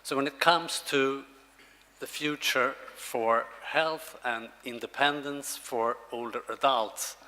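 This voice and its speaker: A man from Sweden presenting a health initiative at a conference, in an earnest, deliberate way. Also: medium pitch, steady tone, bright, forceful tone. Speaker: project initiative leader. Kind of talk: conference pitch and answers. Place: conference hall with audience. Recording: reverberant conference hall.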